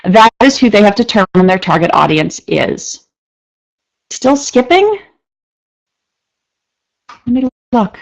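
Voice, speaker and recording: A woman teaching a live online marketing class. She talks quickly and chattily, with many fillers and restarts. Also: medium pitch, vocal fry, rough recording. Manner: fast-talking, says she speaks fast when excited. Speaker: marketing instructor.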